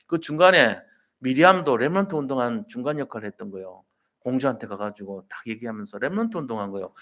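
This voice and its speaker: Male pastor, mid-range voice with a lively, swinging delivery, conversational storytelling sermon with emphatic questions. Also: medium pitch. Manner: emphatic, rhetorical questions to the congregation; colloquial, storytelling preaching. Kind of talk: Sunday sermon.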